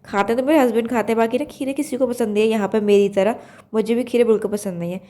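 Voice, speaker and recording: Young woman, Uttar Pradesh Hindi accent, hoarse, stuffy nose, rather high voice, chatty rambling vlog narration. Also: quick pace, mellow. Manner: chatty, rambling, full of fillers. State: hoarse, blocked nose from a cold. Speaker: vlog host. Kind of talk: casual cooking vlog voice-over.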